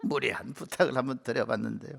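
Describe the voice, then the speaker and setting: A man's voice: mid-range voice, steady tone, quick pace, gravelly, a bit bright. A man reading scripted comic narration in a mock-sentimental manner. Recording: music behind voice.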